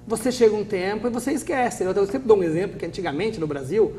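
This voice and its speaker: A middle-aged Brazilian man with a Brazilian Portuguese accent, an English teacher guest telling lively stories in a TV interview and acting out what people said. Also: sits high, quick pace, a little hiss or hum. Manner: animated, acts out quoted speech, laughs often. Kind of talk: TV interview storytelling.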